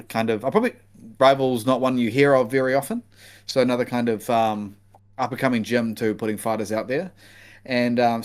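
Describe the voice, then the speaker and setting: Podcast co-host, male, broad Kiwi accent, relaxed slangy delivery, casual fight-preview chat. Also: mid-range voice. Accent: broad New Zealand. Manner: laid-back, slangy.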